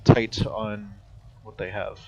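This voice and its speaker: A man's voice: fairly low pitch, flat delivery, slow, vocal fry, warm tone, muffled recording. Easygoing man running a tabletop game. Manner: casual, easygoing narration with fillers. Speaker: game master. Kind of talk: narrating a live tabletop game.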